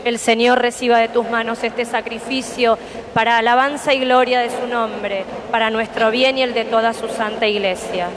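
Female Mass reader. Fairly high voice, measured and devout delivery, slight noise behind. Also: fairly even intonation. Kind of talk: liturgical reading and responses.

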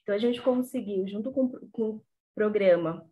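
Young woman from northern Brazil, earnest pitch, restarts and fillers, video call, medium-pitched voice. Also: normal speed, mellow. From Pará, Brazil. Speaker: entrepreneur pitching her business. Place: home office room.

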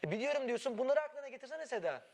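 A man's voice: very high voice, sing-song, very fast, darkish tone. A young man in a reality show house, pleading with his partner and full of regret. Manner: pleading, repetitive, remorseful. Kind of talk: emotional heart-to-heart. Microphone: wireless body mic.

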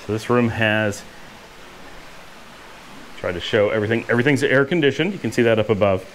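This vlogger, a man in his forties, speaks in a lowish voice at a fairly quick pace while giving an enthusiastic, rambling, filler-heavy tour of his home. The audio comes from a handheld action camera at arm's length and carries a slight hiss or hum. The tour covers the indoor and outdoor rooms of a house built around a courtyard pool.

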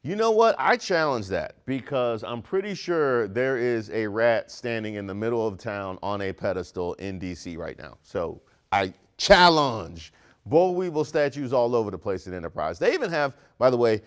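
A man in his thirties from Maryland hosting a comedic news segment, wisecracking with animated punchlines in a studio. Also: medium pitch, moderate pace, clean tone. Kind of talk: scripted comedic news commentary. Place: studio with brick wall set.

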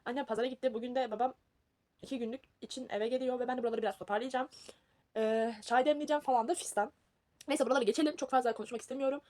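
Chatty, high-voiced young woman. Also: fairly even intonation, very fast, dark tone. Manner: chatty, rambling, self-mocking. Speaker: vlogger. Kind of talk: casual packing vlog.

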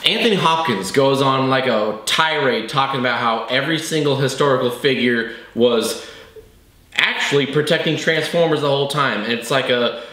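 A man's voice: mid-range voice, moderate pace, bright, forceful tone. A man in his thirties, tipsy and exasperated, delivering a profane comedic rant as a movie review host in a room. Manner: tipsy from drinking during the review. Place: small indoor bar-style set with brick wall. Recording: roomy, echoey indoor sound.

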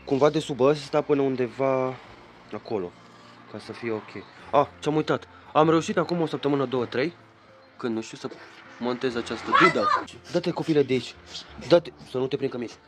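A man's voice: mid-range voice, noisy background. A young man, chatting casually in a home vlog while scolding his child. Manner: chatty, rambling, scolding a child between remarks. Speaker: vlogger. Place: small bedroom at home.

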